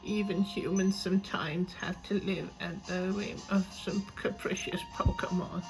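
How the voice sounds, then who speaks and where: Man putting on a high old lady voice. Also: flat delivery, unhurried, gravelly, over music, poor audio. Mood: wise. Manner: sage, lecturing. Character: wise old village woman.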